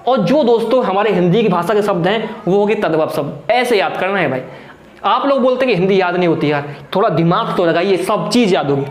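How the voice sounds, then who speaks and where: Young male tutor, high voice, echoey room. Urgent, pep-talking, asks his own questions and answers them, sweating as he teaches. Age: young adult. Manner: exhorting, calls viewers friends and brother, asks then answers own questions. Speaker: Hindi grammar teacher. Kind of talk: exam-prep whiteboard lesson.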